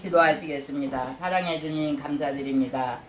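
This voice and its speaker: A woman pastor preaching a sermon, animated, often asking the congregation questions and acting out God's praise in a high voice. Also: a little fast, a little hiss or hum. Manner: asks the congregation questions, prompting with "예?". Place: church sanctuary. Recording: echoey church room, voice from a distant mic.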